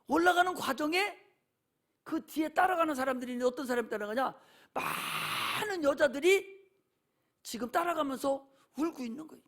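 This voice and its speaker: A man's voice: very high-pitched, a bit bright. A male pastor preaching a sermon in a church, impassioned and emphatic, repeating his points. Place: church sanctuary.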